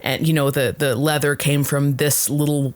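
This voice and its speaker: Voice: mid-range voice, flat delivery, normal speed, dry recording. A podcast co-host chatting casually, hesitant with many fillers. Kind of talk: casual chat.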